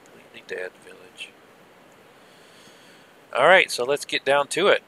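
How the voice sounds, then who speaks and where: A man giving casual, rambling live gameplay commentary with muttered asides, heard through low-quality stream audio from an old headset. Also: big pitch swings, measured pace, sharp tone. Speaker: game server streamer.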